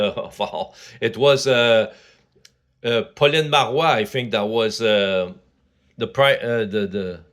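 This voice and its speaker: A man's voice: mid-range voice, a bit bright. Rambling man in his sixties from Quebec. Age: 60s. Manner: rambling, many fillers and restarts. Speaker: vlogger. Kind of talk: casual rambling monologue.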